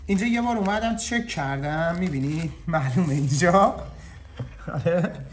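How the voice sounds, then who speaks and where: A man's voice: a little high, a little hiss or hum. A man hosting a casual cooking vlog from a kitchen, joking and talking straight to his viewers through a clip-on mic. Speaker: chef. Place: indoor kitchen.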